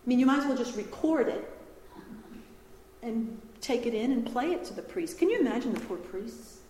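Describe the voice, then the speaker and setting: A woman gives a retreat talk in a large, echoing hall, her voice swinging high and low as she tells stories with humor. Her pitch sits a little high, and the long reverb of the room trails behind every phrase. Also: normal speed, a little hiss or hum. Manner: lively storytelling with humor and laughs. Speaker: retreat speaker.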